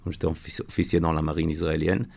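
Deep, gravelly man with foreign-accented French. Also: flat delivery, darkish tone. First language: not French. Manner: earnest, halting phrasing with searching for words. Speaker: interview guest, lawyer and reservist. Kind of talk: radio interview answers.

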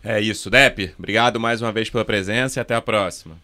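Fast-talking bright-voiced male podcast host. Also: lowish voice, fairly even intonation. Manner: brisk, wraps up and thanks guests. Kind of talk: casual sports podcast chat.

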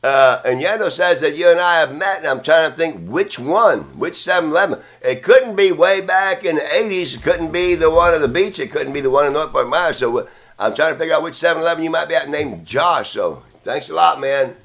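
A man's voice: a little high, lively intonation, brisk, fairly bright tone. A middle-aged man hosting a casual livestream from an outdoor balcony, rambling offhand and swearing freely. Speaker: livestream host. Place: outdoor balcony near neighbors.

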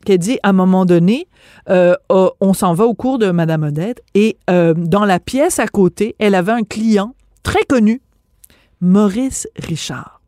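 A woman with a Québécois accent, hosting a radio interview in a chatty, affectionate way with quick interjections. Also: medium pitch, mellow, no echo, studio quality. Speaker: radio host.

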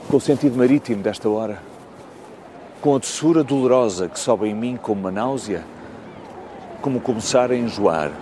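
Male reader, slow and reflective poem delivery, outdoor city noise behind. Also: fairly low pitch, a little mellow. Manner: slow, measured, reflective reading. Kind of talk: poetry recitation.

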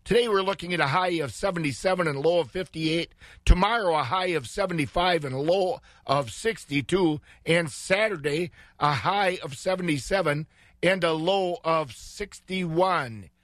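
A man's voice: fairly high pitch, normal speed, fairly bright tone, no room sound, studio quality. An American man hosting morning radio, chatting casually through the local weather in a folksy way.

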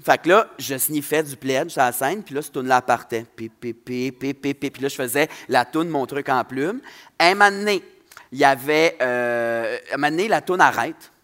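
A man with a Saguenay Quebec French accent, a drag performer telling stories as a guest in animated, swearing casual talk. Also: mid-range voice. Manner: animated, swearing, quick laughter. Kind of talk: casual podcast storytelling.

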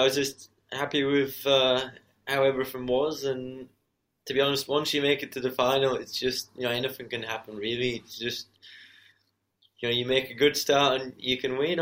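A man's voice: mid-range voice, a bit bright, rough recording. A male racer with a mid-range voice answering interview questions. He is casual and understated. His modest replies are padded with frequent conversational fillers. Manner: modest, understated, leans heavily on "you know". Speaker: professional motorcycle racer being interviewed.

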